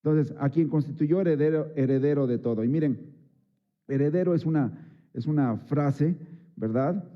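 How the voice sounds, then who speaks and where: A man's voice: fairly high pitch, moderate pace, muffled recording. A man preaching a Sunday sermon in a chatty way, with many fillers and rhetorical asides to the congregation. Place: church service.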